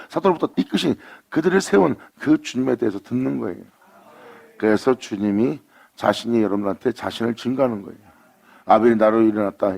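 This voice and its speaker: A man preaching a sermon in a gravelly, slightly husky voice. He builds to fervent declarations, then slows down to intone scripture in the voice of God. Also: mid-range voice, a little mellow.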